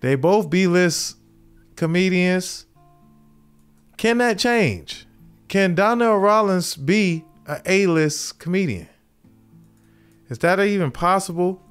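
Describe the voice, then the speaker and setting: A man in his thirties hosts a podcast from a small home studio, offering casual commentary through a studio mic with headphones. His high voice is animated but slow, with long pauses and a smooth quality, and he's laid-back, chuckling at his own jokes over soft background music.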